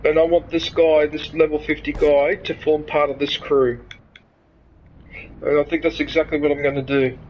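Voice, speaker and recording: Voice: mid-range voice, little pitch movement, normal speed, darkish tone, slight background noise, low-quality recording. A streamer from Sydney chatting and ranting with swearing during a live game stream, heard as livestream headset audio. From Sydney, Australia. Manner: rambling, ranting, swears freely then apologizes. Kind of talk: live gaming stream chat. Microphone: headset mic.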